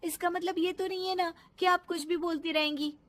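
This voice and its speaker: Woman doing a high-pitched young daughter-in-law. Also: steady tone, brisk. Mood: pleading meek. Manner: high, pleading, giggly. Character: meek young daughter-in-law, later defiant.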